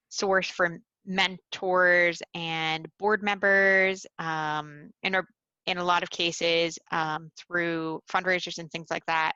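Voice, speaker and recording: Slow, deliberate woman mentor; dry, muffled recording. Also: lowish voice, sharp tone, clear, resonant tone, dry recording. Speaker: mentor and volunteer. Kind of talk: reporting back at a meeting.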